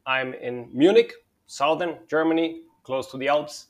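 A man from Spain who is CEO of a telecom consulting company talks through his career as a guest in a conversational interview. His voice is a little high and his pace measured, and he's hesitant, with frequent filler words and repeated starts.

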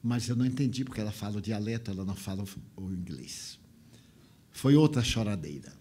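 A man's voice: on the low side, lively intonation, a little fast, warm tone, slight background noise. An older man giving a spiritual talk, telling a story with feeling and mimicking the voices and sounds of the people in it.

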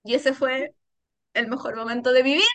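A Chilean woman telling a story on a casual podcast chat, animated and slangy, laughing often. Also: high-pitched, brisk, dry recording. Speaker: podcast co-host.

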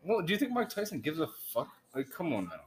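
Guy on a podcast swearing a lot, bouncy animated voice, a bit higher than most. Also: quick pace. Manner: profane, laughing, swings from loud to muttered. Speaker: podcast co-host. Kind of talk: casual podcast chat.

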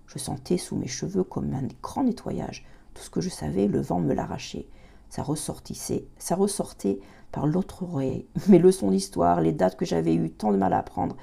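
A woman reading a novel aloud, slow and dramatic, sinking into a breathy hush in tense passages and stumbling and correcting herself now and then. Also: deep voice. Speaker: reader of a novel.

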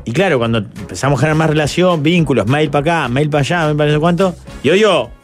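A man's voice: a little high, fast talker. Brief: Uruguayan male radio host, teasing storyteller, music bed faint under the studio chat. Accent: Uruguayan Rioplatense Spanish. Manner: teasing, storytelling, laughs often. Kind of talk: casual studio banter.

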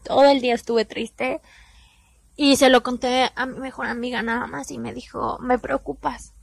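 A woman's voice: on the high side, level tone, moderate pace, gravelly, dry recording. Mexican woman telling a confessional story. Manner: candid, confessional, slangy, soft-spoken at times. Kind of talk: personal storytime to camera.

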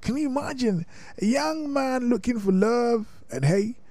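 A man hosting the program, commenting in a slow, gentle preaching tone. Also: very high-pitched, expressive, dry recording. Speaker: program host. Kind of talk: reflective commentary.

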